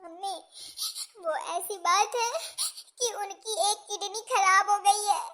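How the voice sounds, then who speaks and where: A woman voicing a young daughter-in-law in a cartoon, tearful yet sly, in a high sped-up cartoon voice. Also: fairly even intonation, slow pace, fairly bright tone, heavily acted. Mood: tearful pleading. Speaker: cartoon character.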